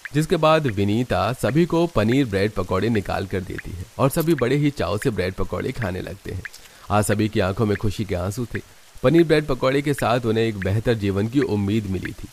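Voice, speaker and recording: A man narrating a cartoon story in a steady, even way. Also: lowish voice, normal speed.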